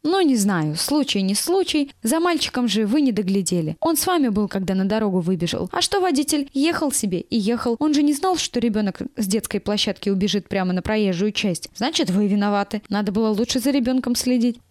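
A woman's voice: medium pitch, expressive, fairly quick, hardly any pauses, darkish tone, dry recording, clean studio sound, close to an everyday voice. A woman voicing a young, chatty, tactless kitchen aide who prattles indignantly.

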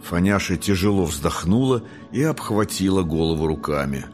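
A man narrating a storybook in scripted, expressive storytelling. His voice sits low but moves a lot in pitch, and faint music plays softly behind him. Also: moderate pace. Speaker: audiobook reader.

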